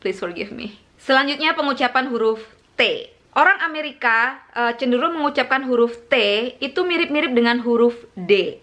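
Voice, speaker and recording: Indonesian-accented woman vlogger, bright voice, casual bilingual lesson with slow word demos. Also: sits high. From Surabaya, Indonesia. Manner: switches between Indonesian and English, slows down to demonstrate words. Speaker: vlogger teaching English pronunciation.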